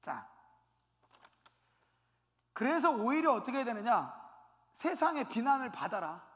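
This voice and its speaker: A man's voice: very high-pitched, big pitch swings, unhurried, fairly bright tone, long reverb tail. A man preaching a sermon as pastor, asking his congregation questions and acting out the voices of people he quotes.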